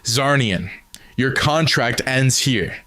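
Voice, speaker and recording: A man's voice: mid-range voice, slow pace, bright, forceful tone, dry recording. A man voicing a stern armored alien squad leader giving formal orders. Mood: commanding.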